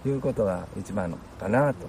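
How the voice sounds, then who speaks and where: A man's voice: on the low side, a little fast, a little mellow, slight background noise. A man with a Kansai accent, a garden manager, answering politely and formally with many hesitant fillers. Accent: Kansai Japanese. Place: outdoors at a garden.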